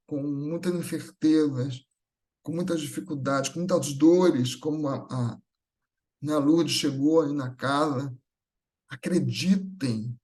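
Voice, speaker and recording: This mellow voice, pitched on the high side, belongs to a Brazilian man speaking as a guest at a Spiritist gathering. With a Brazilian Portuguese accent, he gives an unprepared religious talk in an earnest, soothing way, stacking repeated phrases as he builds.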